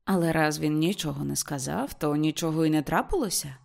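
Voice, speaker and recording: A woman's voice: deep voice, a little fast, gravelly, a little mellow. A woman doing a cool, disapproving mother. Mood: firm, disapproving. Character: proper middle-aged mother, cool and disapproving.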